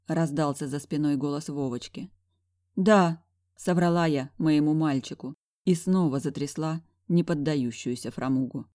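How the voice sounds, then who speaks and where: A reader narrating a novel in the first person, with lively delivery of the dialogue. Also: mid-range voice, normal speed, dry recording, clean studio sound. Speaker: audiobook narrator. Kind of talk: scripted narration of a romance novel.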